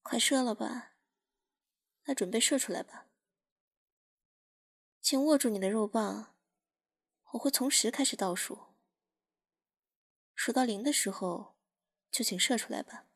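A woman acting as a dominant, taunting young woman murmurs right in the listener's ear in an ASMR role-play. Her voice is fairly high but breathy and husky, and she speaks slowly and with teasing contempt, very close to a dry microphone. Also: dry recording, full character voice. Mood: mocking, commanding.

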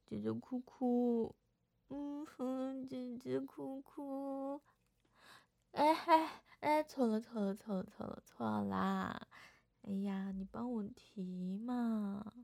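A woman's voice: medium pitch, measured pace, gravelly, darkish tone, dry recording. A young woman voicing a playful older sister in a second-person audio role-play, whining and teasing coquettishly. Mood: pouty.

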